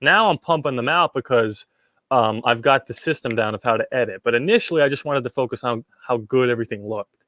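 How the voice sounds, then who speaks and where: A young Puerto Rican man hosts a casual livestream, reading questions from chat and answering them in a rambling way full of repeated words and ums. His medium-pitched voice is fairly quick, pushed and bright.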